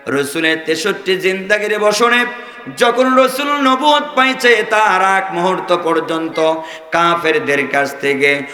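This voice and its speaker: Man preaching, high bright voice, slow chanting delivery, echoey hall from far off. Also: soft background music. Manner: chanting sermon, swings from shouts to low singsong. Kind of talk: sermon to a crowd.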